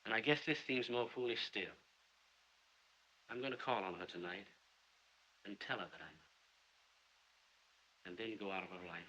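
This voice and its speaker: A man's voice: on the low side, moderate pace, long pauses, pushed and bright, slight background noise. An actor playing an earnest, lovesick young man who makes solemn declarations, heard on a dull 1930s film soundtrack.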